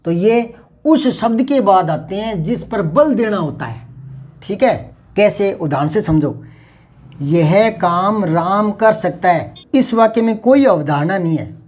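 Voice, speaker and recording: A man teaching a grammar lesson in a chatty way, explaining slowly and going over each example again and again. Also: high voice, expressive, darkish tone.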